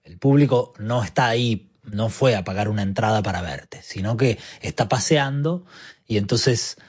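A man with an Argentine Spanish accent, a guest musician speaking reflectively in a relaxed interview, often searching for his words. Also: on the low side, normal speed, husky.

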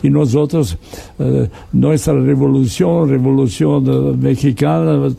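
An older man from Serbia being interviewed, speaking halting Spanish with many fillers and restarts. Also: medium pitch, steady tone, creaky, mellow, breathy edge. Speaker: interview guest. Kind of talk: conversational interview.

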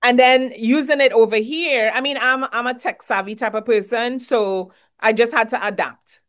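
A woman's voice: on the high side, moderate pace. A woman from Trinidad hosting a casual interview, asking friendly conversational questions. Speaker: interviewer host.

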